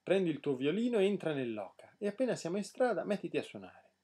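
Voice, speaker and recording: A feisty, self-assured old nurse woman from a fairy tale, put on by a man reading the story. She talks briskly and bossily in a husky, raised voice. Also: a little high, sing-song, warm tone, voice pushed up. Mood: bossy.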